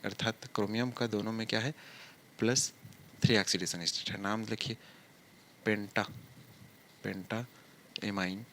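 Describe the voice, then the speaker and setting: A man's voice: on the low side, a bit bright, slight background noise. A man teaching a chemistry lesson step by step, asking questions and answering them himself, drawing words out as he writes. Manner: drawls words out slowly while writing. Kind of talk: blackboard lesson explaining step by step.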